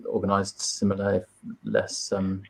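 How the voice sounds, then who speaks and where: An English man appearing as a guest on a fan podcast, speaking in a measured, hesitant way with many fillers. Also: sits low, monotone, gravelly, rough recording. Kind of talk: casual fan podcast chat.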